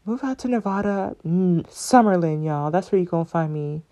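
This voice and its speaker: A woman's voice: fairly low pitch, expressive, moderate pace, warm tone, dull audio. A woman hosting her podcast alone, chatting in a playful, rambling way. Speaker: podcast host. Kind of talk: casual chat.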